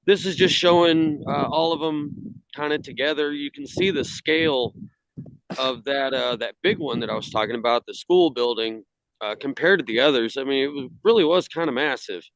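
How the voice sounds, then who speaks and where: A man on a video call from outdoors in the cold, casually presenting his hobby work in a halting way. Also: mid-range voice, a bit bright, dry recording. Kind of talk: casual slideshow talk. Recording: slightly dull video-call audio.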